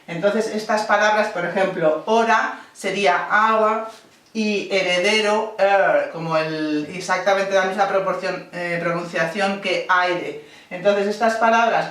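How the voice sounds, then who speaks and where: A woman's voice: mid-range voice, a bit bright. Patient woman teacher in an echoey room. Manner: patient, explaining step by step with self-corrections. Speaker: English teacher. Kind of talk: classroom-style grammar lesson. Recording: very echoey room, voice from a distance off the mic.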